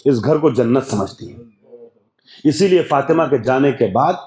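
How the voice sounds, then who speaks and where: A man delivering an impassioned mourning sermon as a religious orator, declaiming, repeating phrases and building up to shouting in a large hall. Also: medium pitch, lively intonation. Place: large hall with lamps put out.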